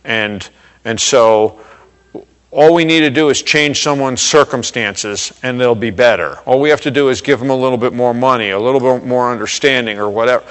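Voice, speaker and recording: A male pastor delivering a sermon in a conversational way, checking in with "okay?" and getting louder and higher for emphasis. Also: moderate pace, clear, resonant tone. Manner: rises in pitch and volume for emphasis. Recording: long reverb of a hall.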